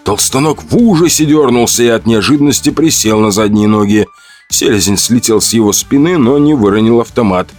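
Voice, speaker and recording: A man giving expressive scripted narration of an audiobook. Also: medium pitch, brisk, soft background music.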